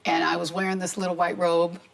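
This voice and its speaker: Woman, middle-aged, low, gravelly, talk show testimony, animated. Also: brisk, poor audio. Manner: animated storyteller acting out dialogue. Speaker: guest. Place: tv studio.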